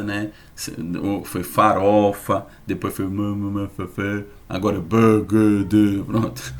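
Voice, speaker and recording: A man teaching an online lesson, lively and repeating sounds slowly to demonstrate them. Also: mid-range voice, creaky, slight background noise.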